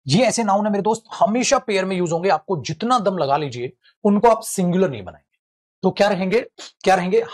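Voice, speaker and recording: A man teaching English grammar in a lively, joking classroom lecture, calling his students friends and brothers. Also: high-pitched.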